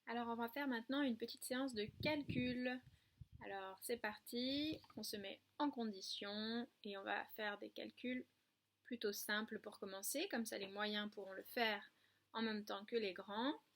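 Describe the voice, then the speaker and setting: Slow, patient woman teaching small children. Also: fairly high pitch, slight background noise. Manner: slow, clear, patient, spells out letters and syllables. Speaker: kindergarten teacher. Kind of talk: remote classroom lesson.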